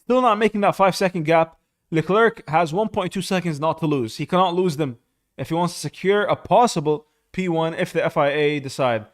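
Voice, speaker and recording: Excitable young man calling a live race. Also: fairly high pitch, fairly quick. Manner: casual, excitable, says bro a lot. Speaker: streamer.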